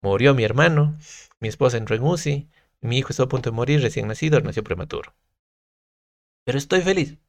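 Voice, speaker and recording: Gravelly-voiced man, earnest podcast guest. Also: medium pitch, expressive, quick pace, pauses often, no room sound. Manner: earnest, reflective, emphatic storytelling with restarts. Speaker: podcast guest, content creator. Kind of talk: casual podcast conversation.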